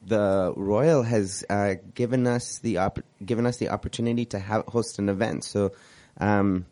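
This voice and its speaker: A man hosting a casual radio chat show, hoarse from a cold and rambling as he searches for words. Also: lowish voice, fairly even intonation, normal speed, a little mellow, dry recording.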